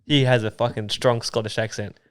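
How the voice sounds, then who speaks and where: Aussie bloke on a podcast, relaxed storyteller, smooth clean voice. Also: male voice, mid-range voice, fairly quick. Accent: Australian. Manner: laid-back storyteller, swears casually. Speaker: podcast co-host. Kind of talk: casual banter.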